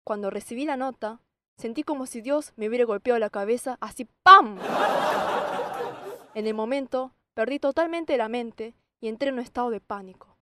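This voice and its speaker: A young woman from South Korea gives an expressive personal faith testimony, acting out her own past shouts and quoted lines. Her voice is fairly high and a little fast, in a dry recording.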